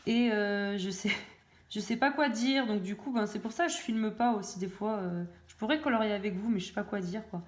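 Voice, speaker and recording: Young woman, casual coloring vlog chat, mid pitch, hesitant and self-mocking, echoey home room. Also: a little fast. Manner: hesitant, many fillers, self-mocking jokes. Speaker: coloring video creator.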